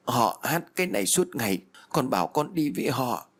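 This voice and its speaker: A man voicing a terrified little girl who pleads in a shrill voice. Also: big pitch swings, normal speed, fairly bright tone. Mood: tearful.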